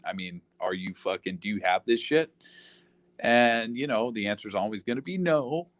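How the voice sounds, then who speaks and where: A man's voice: lowish voice, moderate pace, no room sound. A man ranting in casual talk, profane and rambling, full of fillers like "you know".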